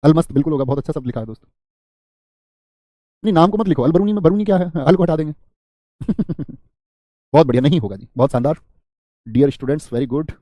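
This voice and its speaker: A man's voice: a little high, expressive, very fast, long pauses, no echo, highs cut off. A man teaching an exam-prep grammar class live, repeating word lists, quizzing students and answering their chat comments with small jokes.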